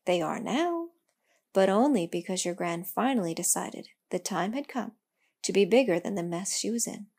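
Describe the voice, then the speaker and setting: A woman voicing a wise old elm tree who speaks calmly and reassuringly. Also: medium pitch, moderate pace, slightly rough. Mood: gentle. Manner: calm, gentle, reassuring.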